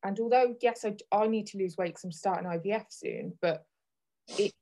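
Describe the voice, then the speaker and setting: A woman's voice: mid-range voice, normal speed, creaky, dark tone, rough recording. A woman, hosting a podcast as a candid, chatty conversation, laughing easily. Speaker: podcast host. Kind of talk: casual chat.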